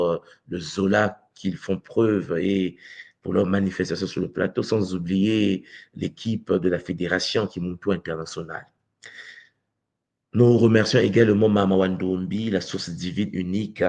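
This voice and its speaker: Deep gravelly man from Congo. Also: darkish tone. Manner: measured, addresses host repeatedly by name. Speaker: guest speaker. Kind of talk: spiritual teaching talk.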